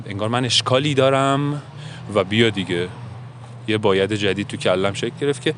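A man's voice: mid-range voice, fairly bright tone, slight background noise. A man speaking in a reflective monologue, earnest and musing, often asking himself questions. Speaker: self-help podcaster.

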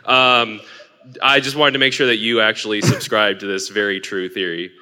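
A man in the audience asking a question at a live panel, halting and full of ums. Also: fairly low pitch, level tone, pushed and bright, smooth. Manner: halting, with many ums and uhs. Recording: reverberant convention hall.

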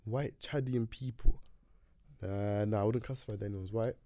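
A young man from Sudan, co-hosting a podcast in casual chat, quick and laid-back with lots of slang and restarts. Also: lowish voice, steady tone, warm tone, no echo. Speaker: podcast co-host.

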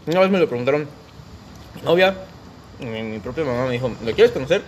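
A man's voice: medium pitch, expressive, a little fast, a little hiss or hum. A young Mexican man with a Mexican Spanish accent, co-hosting a casual podcast, slangy and swearing freely. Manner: slangy, swears freely, laughs mid-story. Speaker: podcast co-host.

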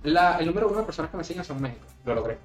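A man with a Venezuelan accent hosting a casual podcast, teasing his guest with quick joking questions from a table mic at home. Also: on the high side, expressive, echoey room, loud music behind the voice. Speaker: podcast host. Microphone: studio microphone on table.

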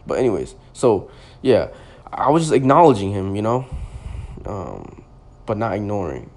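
A man's voice: fairly low pitch, big pitch swings, normal speed, vocal fry, darkish tone. A young man in his twenties, a podcast host, telling a personal story in a loose, rambling way full of "like" and restarts. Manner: rambling, heavy use of "like" and restarts.

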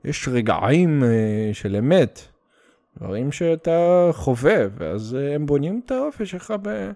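A man's voice: fairly high pitch, sing-song, vocal fry, dark tone. A man from the Soviet Union with a Russian accent, hosting a casual solo podcast in a blunt, sweary, rambling way with English slang mixed in. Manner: rambling, stop-start delivery. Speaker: podcast host.

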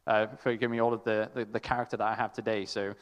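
A man's voice: on the low side, flat delivery, clean tone. Young man telling a story in a reverberant hall. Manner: warm, halting, with many restarts and laughs. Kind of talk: casual storytelling in a tribute.

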